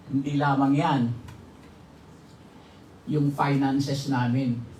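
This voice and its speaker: Filipino pastor with a roomy distant sound. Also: male voice, medium pitch, warm tone, a little hiss or hum. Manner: jokes and laughs with the congregation. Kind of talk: sermon testimony with humor. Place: church hall. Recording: roomy, distant mic, faint ambience.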